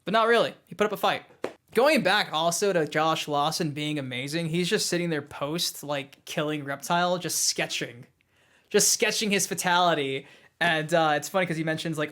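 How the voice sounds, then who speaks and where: An excitable young man giving a casual spoken movie review, his voice sitting high and bouncing around as he gets worked up. He jumps between fast asides and slower emphasis, and now and then he playfully imitates lines. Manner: excitable, animated, mimics quotes.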